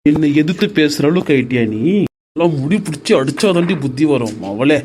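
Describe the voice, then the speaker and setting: A woman voicing a drunken, violent husband who bullies his wife for money, in a rough, threatening way. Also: sits low, animated, brisk, a little hiss or hum, pitched below the performer's own voice. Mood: menacing. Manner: rough, bullying shouts.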